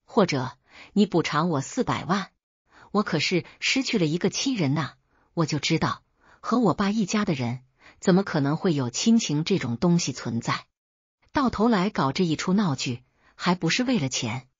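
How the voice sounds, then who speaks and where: Story aunt, a brash village woman who scolds and wails, read by a husky-voiced woman. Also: on the low side, big pitch swings, normal speed, no echo, muffled recording. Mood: pleading, bitter. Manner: scolding, wailing. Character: loud rural aunt, middle-aged woman, shrill shrew.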